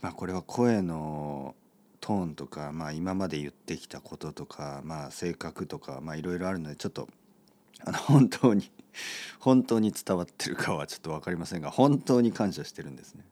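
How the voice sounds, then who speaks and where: A man's voice: very deep voice, brisk, mellow. A man hosting his own podcast in a casual, rambling way, with many fillers and playful self-mockery. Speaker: podcast host. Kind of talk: casual solo podcast talk.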